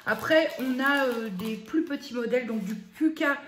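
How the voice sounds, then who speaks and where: A fairly high-pitched woman talks casually in a home vlog, reading product labels aloud and stopping often with fillers. The room gives her voice a clear echo. Her delivery is relaxed and chatty. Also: moderate pace, slight background noise. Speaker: vlogger.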